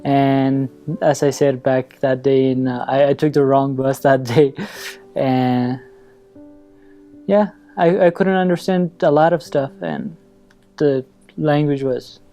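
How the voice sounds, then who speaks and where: Soft-spoken young student from Afghanistan. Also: male voice, medium pitch, slow. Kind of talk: interview testimonial. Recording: soft music bed underneath.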